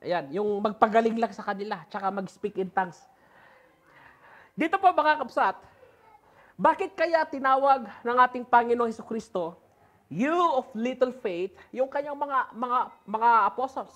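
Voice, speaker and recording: A woman with a Filipino accent preaching a sermon in mixed Tagalog and English, asking rhetorical questions and reading scripture slowly and with emphasis. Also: fairly high pitch.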